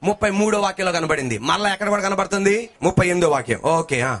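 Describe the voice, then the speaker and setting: A male pastor preaching a sermon, swinging between shouted sing-song lines and lower talk, calling the congregation to answer back. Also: animated, fast talker.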